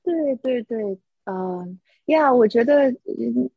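Very raspy woman, hesitant. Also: a little high, expressive, takes it slowly, no room sound, phone-quality sound. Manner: hesitant, searching for words. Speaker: caller asking for advice.

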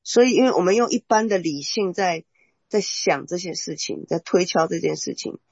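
A Bible teacher explaining faith in a measured, casual way, often murmuring agreement. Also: medium pitch, creaky, husky, no room sound. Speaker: Bible teacher leading the talk. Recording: dry, dull lo-fi sound.

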